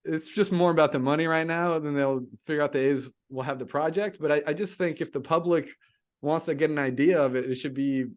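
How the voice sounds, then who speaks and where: A man's voice: fairly high pitch, steady tone, a little fast. A man co-hosting a podcast, sounding skeptical in casual chat. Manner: skeptical, laughs easily. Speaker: podcast co-host.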